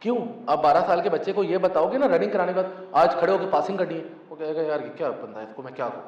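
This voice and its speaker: A Pakistani man in his twenties who founded and coaches a football club talks fast and emphatically in a casual interview, his slightly high voice full of lively intonation. He mixes in English phrases and says "thik hai" often, and the recording is echoey, distant and muffled with a faint hum.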